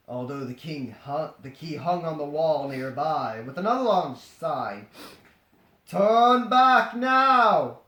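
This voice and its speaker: With a slightly high, fairly bright, sing-song voice, a man reads a story slowly and leaves long pauses. He plays it for laughs, breaking into jokey, acted-out asides. The room echoes, with faint noise and clicks.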